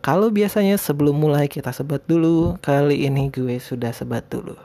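Man, slightly high voice, lisped r sounds, casual podcast host, rambling and hesitant. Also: brisk, warm tone. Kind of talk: casual solo podcast talk.

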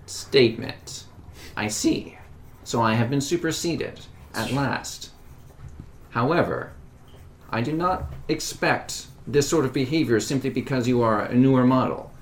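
A woman's voice: very deep voice, a little slow, slight background noise. A woman voicing an old, outdated but defiant robot in a tabletop game, stiffly announcing each kind of sentence before saying it. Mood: puzzled, measured. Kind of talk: tabletop role-play.

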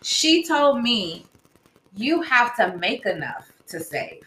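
A woman guest in casual podcast chat, reflective and quick to laugh. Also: on the high side, very animated, fairly bright tone. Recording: roomy echo with faint noise.

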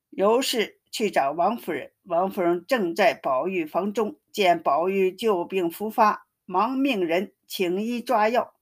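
A woman tells a classic tale at an unhurried, measured pace. Her voice sits at a medium pitch and stays steady and even from line to line, like a careful storyteller reading aloud. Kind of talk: scripted narration of a classic novel.

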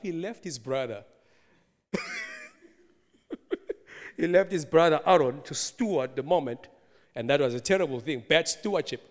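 A man preaching a sermon, telling a story with lively asides and frequent laughter. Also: fairly high pitch. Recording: long hall reverb.

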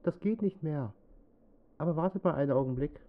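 A man's voice: on the high side, fairly quick, phone-quality sound, natural voice. An actor playing a good-natured, handy young boy with a projected voice in a children's audio drama. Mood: calling out. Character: Schrotti, helpful young boy handy with tools.

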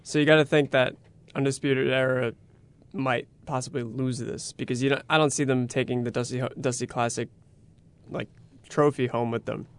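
A man's voice: mid-range voice, steady tone, moderate pace, clean tone. A man talking casually about sports as a podcast panelist.

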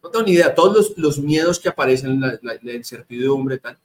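In a conversational interview, a Colombian-accented man acts as host, addressing his guest and audience directly and emphatically. He speaks in a mid-range voice, animated and brisk. Noticeable background noise runs under the recording.

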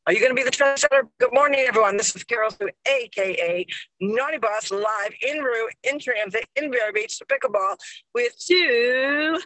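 A woman's voice: a little high, moderate pace, bright, forceful tone, no room sound, poor audio. A woman co-hosting a live podcast from a truck cab on the road, chatting casually with playful asides to her audience. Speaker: live show and podcast co-host. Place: riding in a truck cab, on the move.

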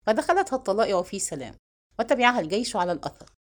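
A woman reading a historical novel aloud as an audiobook narrator, in an expressive storytelling manner. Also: mid-range voice, rapid-fire.

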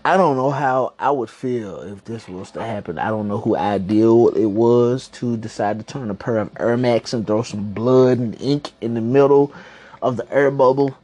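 A man's voice: mid-range voice, normal speed, a little mellow, breathy edge. A man hosting a casual podcast from home, rambling along in slang and swearing freely. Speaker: podcast host. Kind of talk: casual chat.

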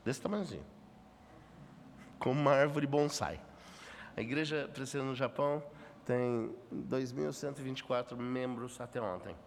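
A man's voice: mid-range voice, normal speed, gravelly, long pauses, a little hiss or hum. A pastor in his fifties preaching a conference sermon, telling stories with humor and building to fervent emphasis. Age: 50s. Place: church hall. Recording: long reverb in a large hall.

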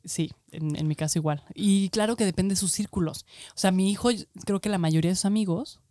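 A woman's voice: medium pitch, brisk, warm tone, no room sound, studio quality. A woman, a comedian guest chatting casually on a podcast with fillers and frequent laughs.

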